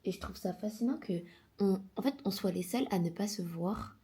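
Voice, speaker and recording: A woman's voice: medium pitch, moderate pace, warm tone, slightly rough. A woman in her twenties chatting casually in a home vlog, rambling and mixing in English words. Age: 20s. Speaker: vlogger.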